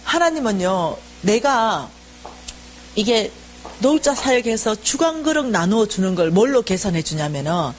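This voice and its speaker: A middle-aged woman giving a church lecture, telling a personal testimony in an animated way and acting out the voices of the people she quotes. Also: mid-range voice, a little slow, a little hiss or hum.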